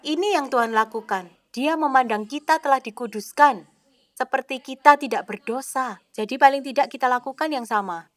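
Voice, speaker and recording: A woman preaching a sermon with a fairly high voice. She speaks expressively and acts out the people she quotes. The sound is dry and close, with almost no room echo. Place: studio voice-over dub.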